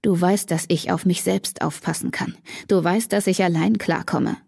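A woman voicing an intense young man who is protective and angry, speaking low and curt. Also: steady tone, normal speed, vocal fry, darkish tone, slightly rough, no room sound, clean studio sound, exaggerated voice. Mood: brooding.

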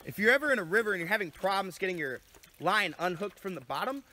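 A man, calmly explaining fly-fishing technique while standing by a river, recorded on a camera mic at a distance. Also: high voice, fast. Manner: easygoing, explaining step by step. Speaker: fishing guide host. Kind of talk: outdoor instructional vlog. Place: outdoors by a river. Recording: faint outdoor river noise.

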